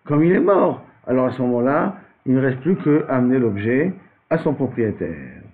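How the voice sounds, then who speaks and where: A man's voice: medium pitch, sing-song, normal speed. A man teaching a Talmud lesson as a rabbi, reading Aramaic phrases and then explaining them in with frequent restarts. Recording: tinny phone-like recording.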